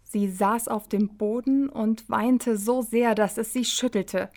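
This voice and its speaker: A woman reading her own children's story aloud on the radio, slow and measured. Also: on the high side, steady tone, a little mellow.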